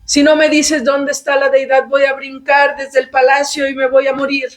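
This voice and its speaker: A desperate young daughter pleads with her father, her voice lifted high and urgent as a storyteller acts her out. She sounds insistent and dramatic within a spoken devotional tale. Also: completely flat delivery, moderate pace, close to an everyday voice. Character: young woman, a pleading daughter threatening self-harm.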